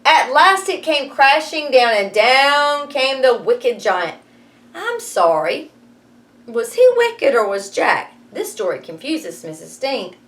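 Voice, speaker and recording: Reading slowly to her class, a schoolteacher from the United States brings a storybook to life with a fairly high, highly animated voice. Wry asides slip in as she explains things, turning the expressive reading into a lesson.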